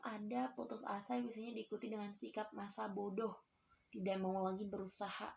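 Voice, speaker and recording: Young woman teaching a lesson, super chatty, asks the class stuff, a bit of fry in her voice. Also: medium pitch, darkish tone, slight background noise. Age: young adult. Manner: chatty and explanatory, with many filler tags and questions to the class. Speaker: university student giving a class lesson. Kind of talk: casual recorded lesson, addressing pupils as a teacher.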